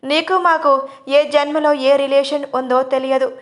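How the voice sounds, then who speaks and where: A woman's voice: high-pitched, little pitch movement, unhurried. A woman voicing a young man, a protective elder brother who speaks firmly and earnestly in a storybook reading. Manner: firm, earnest.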